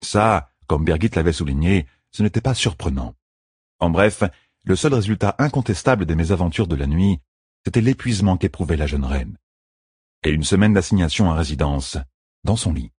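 Husky, expressive male narrator. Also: low-pitched, no echo, clean studio sound. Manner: expressive, measured storytelling. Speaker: audiobook narrator. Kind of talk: scripted narration.

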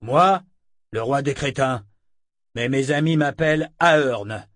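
A man's voice: medium pitch, slow, fairly bright tone, dry recording, clean studio sound, voice pushed up. A man voicing a morose giant coachman who grumbles in an exasperated way. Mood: grumbling. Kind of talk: audiobook character voice.

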